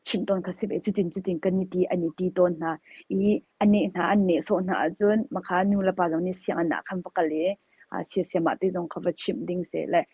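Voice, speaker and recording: A woman pharmacist giving interview answers in a measured, explanatory way, pausing often with fillers. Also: on the low side, fairly even intonation, warm tone, slightly rough, no room sound. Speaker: pharmacist guest.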